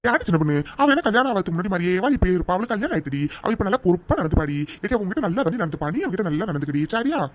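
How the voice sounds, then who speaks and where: A performer voicing a sly, easygoing village husband in a cartoon who flatters and coaxes. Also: medium pitch, racing, few pauses, a little hiss or hum, close to an everyday voice. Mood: coaxing. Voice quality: coaxing, flattering. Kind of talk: cartoon voice acting.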